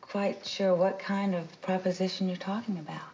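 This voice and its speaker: A woman's voice: medium pitch, steady tone, normal speed, a little mellow, slight background noise, natural voice. An actress playing a chatty young waitress testifying in court, telling her story in a breezy, gossipy way. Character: chatty young female club waitress on the stand. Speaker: witness, club waitress. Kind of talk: 1970s TV courtroom drama. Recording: dull lo-fi TV soundtrack.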